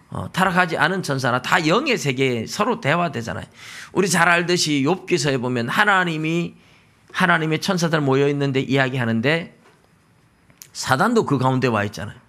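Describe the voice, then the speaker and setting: A man's voice: mid-range voice, vocal fry. A male pastor with a Gyeongsang Korean accent preaching a sermon in church, acting out dialogue in different voices. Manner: acts out dialogue in lively voices.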